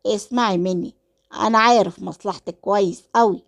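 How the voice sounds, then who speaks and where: A woman's voice: mid-range voice, fairly quick, creaky, natural voice. A woman voicing a cold, manipulative husband with an Egyptian accent, talking in a cool, dismissive way. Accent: Egyptian Arabic.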